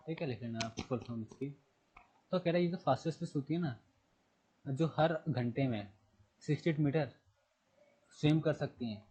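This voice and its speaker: A man with a mid-range, darkish, slightly rough voice teaches a general knowledge lesson, posing questions and answering them himself. He repeats terms and spells words out letter by letter. The classroom recording sounds dull.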